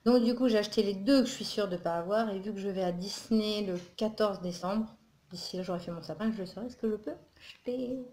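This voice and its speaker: A vlogger from northern France chats casually through her holiday shopping haul at home, a Christmas tree behind her, rambling with plenty of fillers and asides. Her voice is medium-pitched, a little fast, and a little mellow, in an echoey room.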